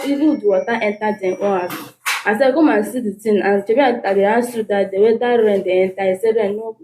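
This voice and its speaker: A woman's voice: medium pitch, warm tone, a little hiss or hum. A woman with a Nigerian accent speaks Nigerian Pidgin mixed with English, recounting a grievance as a tenant into a handheld microphone. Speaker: complainant tenant. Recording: echoey room, handheld microphone.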